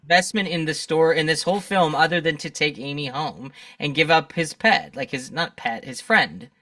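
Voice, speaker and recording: A man's voice: on the high side, normal speed, sharp tone, no echo. A man guesting on a podcast, talking through a film in casual, opinionated and teasing chat. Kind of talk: casual movie discussion. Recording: dry sound from a distant mic.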